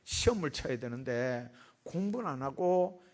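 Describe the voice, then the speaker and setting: A man's voice: medium pitch, expressive, normal speed. A male pastor preaching a midweek sermon in a church, telling stories with acted-out quotes and rising emphasis. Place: church sanctuary.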